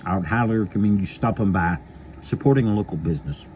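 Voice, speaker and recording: A man's voice: low voice, fast, darkish tone, slight background noise. A man, chatting casually as a local video host, rambling and folksy with lots of repeated phrases. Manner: eating while talking. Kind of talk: casual chat to camera.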